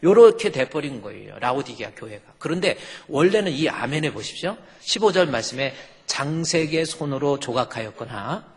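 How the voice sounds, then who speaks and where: A man's voice: mid-range voice, sing-song, fairly quick, creaky, hardly any pauses, breathy edge. A middle-aged male pastor giving an emphatic sermon and acting out churchgoers' stubborn replies. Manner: emphatic preaching, acts out churchgoers' retorts. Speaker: senior pastor. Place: church sanctuary. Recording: long echo in a church hall.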